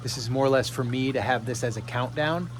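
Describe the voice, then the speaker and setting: A man's voice: medium pitch, brisk, background noise. A middle-aged man talking casually to camera outdoors, hesitant and reluctant. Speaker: vlogger. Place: outdoors beside a cold plunge barrel.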